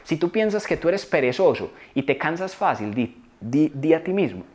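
A man's voice: a little high, expressive, normal speed, darkish tone. A man giving an earnest motivational self-help talk to camera, coaching viewers and repeating key phrases for emphasis. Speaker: motivational video maker.

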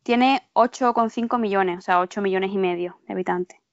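A woman from Málaga, answering lesson questions calmly and precisely in full sentences. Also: medium pitch, brisk, dry recording, muffled recording. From Málaga, Spain.

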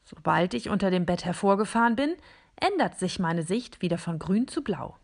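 A woman narrating a first-person children's story in a calm, deliberate way. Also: fairly low pitch, creaky.

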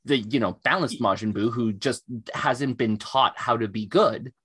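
A man's voice: mid-range voice, normal speed, a bit bright, slightly rough. A man co-hosting a casual chat podcast, rambling with lots of fillers and self-deprecating enthusiasm. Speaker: podcast co-host.

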